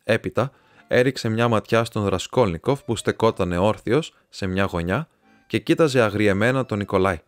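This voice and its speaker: A Greek man narrating a classic novel as an audiobook reader, steady and even. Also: on the low side, no echo. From Greece. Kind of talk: scripted narration.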